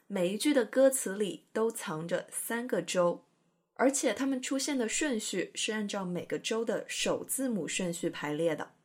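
A woman hosting an English-learning program, explaining in a chatty, playful way with careful pronunciation demos. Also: medium pitch. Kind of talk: educational podcast narration.

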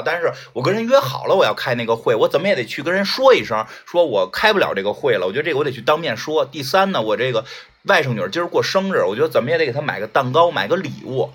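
A man's voice: medium pitch, a bit bright, husky. A man hosting a livestream, chatting casually and retelling a story, acting out the characters' lines with lots of fillers. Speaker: livestream host.

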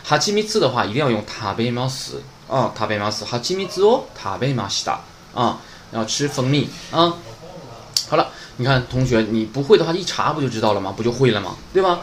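A man's voice: mid-range voice, big pitch swings, quick pace, slight background noise. A man teaching beginner Japanese in a casual, chatty online lesson, often asking "right?".

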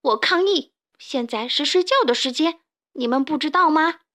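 A woman's voice: sits high, moderate pace, a bit bright, pitched above the performer's own voice. A woman voicing a grumpy, sleepy hedgehog protesting in a children's storybook.

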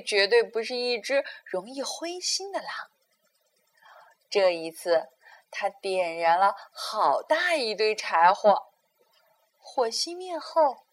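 Slow, lively woman reading a children's story. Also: mid-range voice. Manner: gentle, expressive read-aloud.

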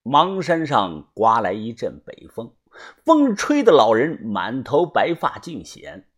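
Husky male storyteller, lively tone. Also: mid-range voice, slow. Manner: chatty, addresses the listeners directly. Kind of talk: casual storytelling narration.

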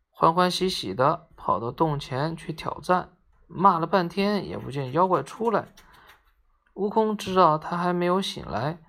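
A storyteller reads a classic tale for children with lively, expressive narration. The voice is gravelly, with plenty of fry. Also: mid-range voice.

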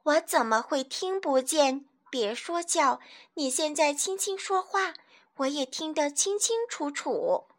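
A woman voicing a kind, forgetful, hard-of-hearing old grandmother, speaking gently and softly. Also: high voice, a little slow. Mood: soft, soothing. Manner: gentle, soothing, soft-spoken.

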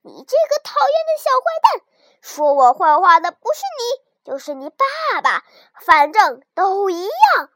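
A woman voicing a fierce, hungry wolf in a children's story, loud and blustering. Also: high voice, lively intonation, unhurried, no room sound, studio quality.

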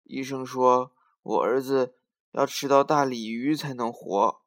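A man's voice: mid-range voice, a little slow, close to an everyday voice. A man voicing a worried, weeping old grandmother in a children's story, speaking plaintively. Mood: sorrowful.

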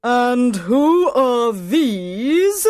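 Furious, high-pitched Queen of Hearts. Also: very animated, no room sound, studio quality, full character voice. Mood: haughty, demanding. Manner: imperious, shouting, drawn-out commands. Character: furious, imperious Queen of Hearts playing card. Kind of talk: children's storybook dramatization.

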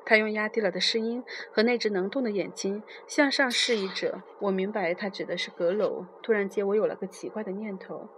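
A woman narrating a literary novel in a soft, measured, unhurried reading voice. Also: medium pitch, a little hiss or hum.

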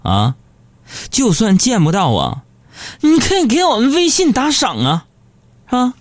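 A man's voice: very high-pitched, wildly swooping pitch, unhurried, dry recording. A man hosting a live comedic radio show, chatting and teasing his listeners.

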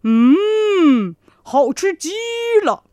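A woman voicing a big, greedy and simple-minded male tiger in a children's story, loud and drawn out. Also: high-pitched, sing-song, very slow, no echo, studio quality, heavily acted. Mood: curious.

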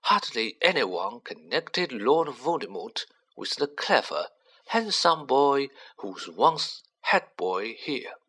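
A narrator puts on a very old wizard headmaster, gentle and wise. He speaks softly and slowly, in a raised, kindly register. A storybook voice with a bright tone. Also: mid-range voice, very animated, husky, pitched above the performer's own voice, heavily acted. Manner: soft, measured and gentle.

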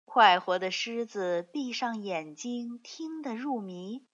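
A woman reading a children's picture book aloud, telling the story slowly and expressively. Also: on the high side, lively intonation. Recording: dull lo-fi recording.

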